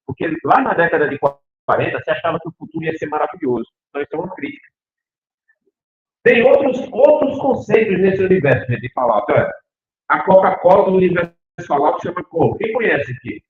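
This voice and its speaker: Middle-aged man, Northeastern Brazilian accent, lively rising-and-falling lecture voice, thin phone-like sound. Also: a little high, brisk. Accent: Northeastern Brazilian Portuguese. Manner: animated, asks the audience questions. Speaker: university professor. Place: lecture hall. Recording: echoey hall, tinny phone-like sound.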